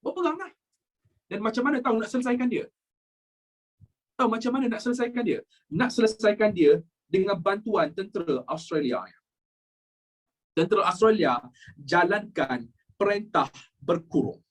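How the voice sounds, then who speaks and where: Young malaysian guy teaching history online, high husky voice, jokes around and repeats stuff. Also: lively intonation, normal speed, pauses often, poor audio. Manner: jokey, repeats key points, mixes in English. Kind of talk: live online history class.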